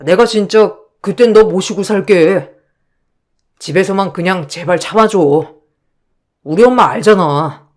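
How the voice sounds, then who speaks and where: A man's voice: high voice, measured pace, pauses often. A man voicing a pleading, apologetic young husband. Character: meek young husband caught between wife and mother. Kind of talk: story narration dialogue.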